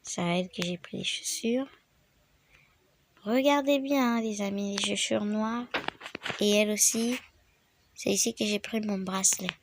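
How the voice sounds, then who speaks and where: A woman with a gravelly, fry-edged voice talks viewers through a game tutorial in a loose, rambling way. She has the flu, and it shows in her voice. Her pitch sits in the middle range. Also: unhurried, long pauses, noisy background. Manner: chatty, rambling, addresses viewers directly. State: sick with the flu, voice affected. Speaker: gaming channel host. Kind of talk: casual game tutorial narration.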